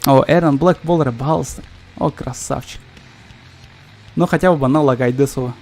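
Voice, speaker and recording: Sweary male game streamer, medium pitch. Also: moderate pace, a little mellow, soft background music. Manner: sweary, grumbling, blunt. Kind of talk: casual gaming commentary and chat.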